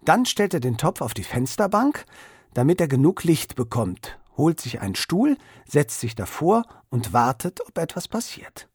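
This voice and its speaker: Expressive man reading a children's story. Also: a little high, normal speed, breathy edge, dry recording, clean studio sound. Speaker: narrator. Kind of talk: children's story read-aloud.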